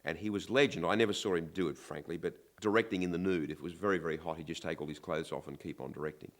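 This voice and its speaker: A man's voice: low-pitched, quick pace. An older man, reminiscing casually and candidly in an interview with a wry manner.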